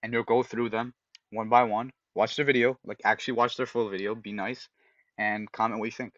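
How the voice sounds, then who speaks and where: A man co-hosting a casual podcast, giving direct advice in an animated way and sometimes acting out example voices. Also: medium pitch, a little fast, no room sound, lo-fi sound. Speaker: podcast co-host.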